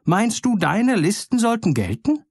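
Man doing an angry flock of birds, shrill. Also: sing-song, unhurried, breathy edge, dry recording, studio quality, full character voice. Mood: furious. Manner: indignant shouting.

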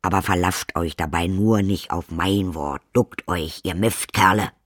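A man voicing a gruff, sly male servant who mocks the vampires. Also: sits low, unhurried, a bit bright, no room sound, studio quality, exaggerated voice. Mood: mocking.

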